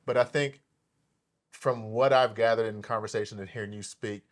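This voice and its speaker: A man's voice: on the low side, moderate pace. Hyped male podcast host. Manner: animated, hyped delivery with many fillers and restarts. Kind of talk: enthusiastic interview hosting.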